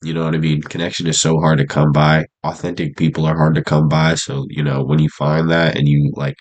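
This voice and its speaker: A young vlogger with an extremely deep, congested voice talks casually to his camera in an unscripted monologue. He is laid-back and rambling, speaking a little fast in a level tone, full of slang and fillers. The camera mic gives it a lo-fi sound.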